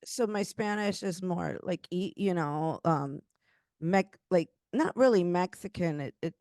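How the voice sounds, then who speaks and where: Woman talking haltingly in casual chat. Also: fairly low pitch, darkish tone, no room sound, studio quality. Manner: halting, many restarts and fillers. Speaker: podcast host.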